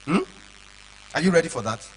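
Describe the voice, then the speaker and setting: A man teaches public speaking to children in a lively, high voice. He keeps stopping to check that his listeners follow. A faint hum sits under his words. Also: fairly quick, poor audio. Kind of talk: lecture to children.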